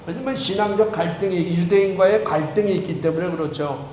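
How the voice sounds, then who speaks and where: Male priest, high voice, chatty joking sermon, roomy church sound. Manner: conversational, joking with the congregation, quick swings between loud and soft. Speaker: Anglican priest. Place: church sanctuary. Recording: echoey church with faint room noise.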